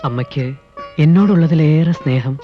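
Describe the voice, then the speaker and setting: A man's voice: fairly high pitch, normal speed, highs cut off, soft background music, natural voice. An actor playing a young man who teases his sweetheart in a playful way.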